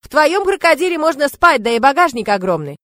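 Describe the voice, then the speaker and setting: A woman reading aloud, voicing a calm, self-assured young male squad commander who speaks matter-of-factly. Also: high voice, brisk, no room sound, studio quality, voice pushed up.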